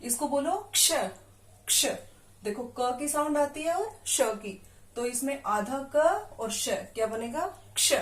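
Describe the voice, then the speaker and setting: Slow, patient woman teacher in an echoey room. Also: sits high, lively intonation. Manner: patient, stretches out syllables and quizzes the listener. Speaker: primary school teacher. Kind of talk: classroom lesson.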